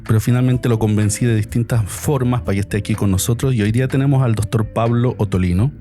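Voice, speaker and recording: Low-voiced, mellow podcast host. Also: male voice, fairly even intonation, fast, faint music behind. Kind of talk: casual interview chat.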